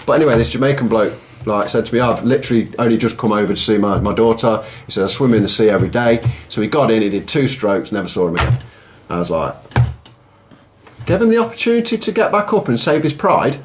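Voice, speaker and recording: A man's voice: mid-range voice, lively intonation, fast talker, slight background noise. A man from England with an East Midlands accent, telling rambling, self-mocking stories as a guest on a casual podcast. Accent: English East Midlands. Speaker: podcast guest, musician and former lifeguard. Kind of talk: casual storytelling chat.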